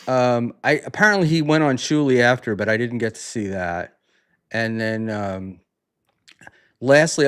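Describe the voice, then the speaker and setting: A man hosting a relaxed chat show, talking in a loose, halting way. His voice sits at an ordinary middle pitch. He trails off, restarts his sentences and leans on fillers as he goes. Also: clear, resonant tone. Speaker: podcast host. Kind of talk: casual chat.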